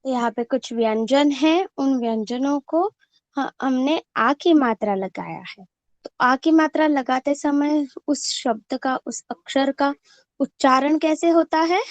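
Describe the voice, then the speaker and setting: A woman teacher giving an online class, drilling syllables one by one in a slow, drawn-out way. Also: sits high, no room sound, highs cut off.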